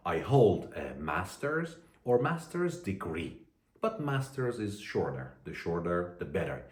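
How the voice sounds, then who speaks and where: A man teaching an English lesson to learners, speaking deliberately and repeating phrases for them to copy. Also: deep voice, sing-song, a little mellow. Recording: echoey room.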